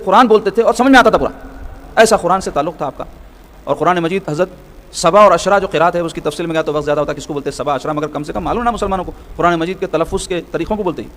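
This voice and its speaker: A man giving a sermon-style hadith lesson, explaining points step by step and asking rhetorical questions. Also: high-pitched. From Hyderabad, South India. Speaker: religious scholar teaching hadith.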